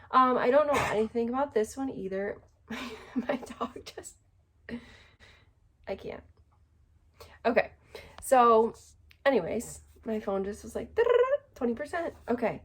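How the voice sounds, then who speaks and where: A woman's voice: a little high, breathy edge. Rambling young woman book vlogger. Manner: rambling, heavy use of filler "like"; self-deprecating, jokey. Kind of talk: casual chat.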